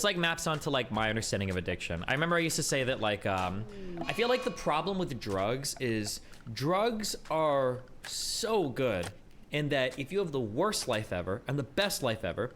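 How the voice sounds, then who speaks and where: A man's voice: mid-range voice, fairly bright tone, a little hiss or hum. A man giving casual, rambling commentary as a streamer, slangy and often hesitant and correcting himself mid-thought. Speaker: streamer reacting to a video. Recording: music faintly behind. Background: faint music.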